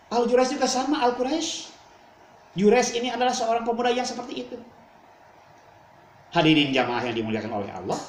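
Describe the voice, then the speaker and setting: A man preaching a storytelling sermon to a congregation in a dramatic, animated way. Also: high voice, a little hiss or hum. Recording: echoey room, faint ambience.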